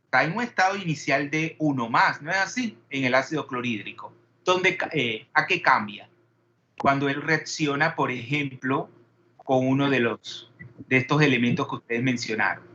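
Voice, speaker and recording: A man's voice: mid-range voice, moderate pace, sharp tone, muffled recording, slight background noise. A man teaching a chemistry class, peppering students with questions and wandering into digressions. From Panama. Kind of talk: classroom lecture.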